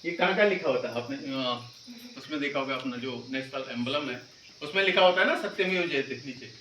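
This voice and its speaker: A man's voice: medium pitch, fairly quick, sharp tone, roomy sound, recorded from a distance, slight background noise, poor audio. A man teaching schoolchildren in a classroom, explaining patiently and often checking that they follow. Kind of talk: classroom lesson to children.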